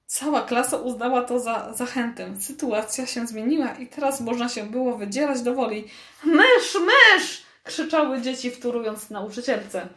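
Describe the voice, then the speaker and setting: A woman narrating a children's storybook in a lively, expressive reading, recorded with a roomy echo. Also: a little high. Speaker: audiobook narrator.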